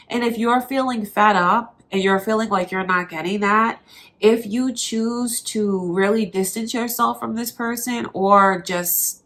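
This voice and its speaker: A tarot reader gives a reading directly to her viewers in an earnest, reassuring manner. Allergies leave her medium-pitched, slightly bright voice blocked and nasal.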